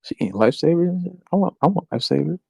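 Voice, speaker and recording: A man's voice: fairly high pitch, expressive, fast talker, gravelly, darkish tone, slightly rough, no room sound. A man co-hosting a podcast, chatting casually and laid-back with short agreeing replies. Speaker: podcast co-host. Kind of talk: casual wrestling chat.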